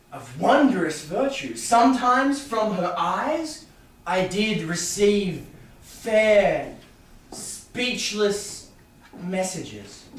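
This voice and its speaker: A man as slow, swooping Bassanio, very echoey. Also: exaggerated voice. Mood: ardent. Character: Bassanio, ardent young Venetian gentleman in debt. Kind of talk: Shakespearean staged reading. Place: reverberant room, staged reading. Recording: very echoey room, distant, faint noise.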